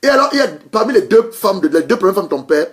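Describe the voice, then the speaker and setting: A pastor delivering a sermon in a high, light man's voice. He builds his argument by repeating key phrases over and over, often restarting mid-sentence, and pauses to welcome listeners by name. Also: big pitch swings. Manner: emphatic repetition, welcomes online listeners; frequent restarts and hesitations.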